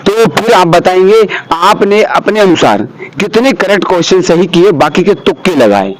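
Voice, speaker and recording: A man's voice: sits high, sing-song, normal speed, rough recording. A man interviews exam aspirants on the street, chatty and jocular, repeating their answers back. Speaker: interviewer, host.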